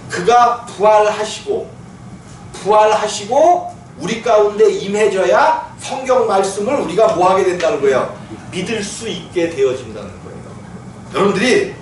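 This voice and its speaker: A male pastor giving a conversational sermon, asking his listeners questions and laughing now and then. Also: high-pitched. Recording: echoey church hall from far off, faint noise.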